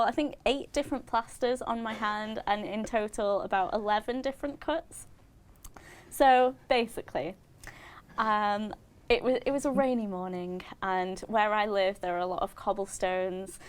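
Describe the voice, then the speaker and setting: A young woman presenting student TV news from a studio, then chatting in a lively, upbeat way with her co-presenter. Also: medium pitch. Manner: chatty and upbeat, laughs easily.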